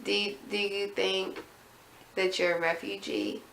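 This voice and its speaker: A woman conducting a casual interview. She asks short, probing follow-up questions in a relaxed, gently teasing way. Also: mid-range voice, measured pace, gravelly. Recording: echoey room with faint background noise.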